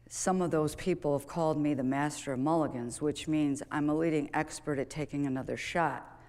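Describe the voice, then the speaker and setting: On a large auditorium stage, a woman who coaches golf gives a motivational talk, telling stories conversationally and asking many rhetorical questions. Her voice is deep and dark, and the hall adds a long reverb.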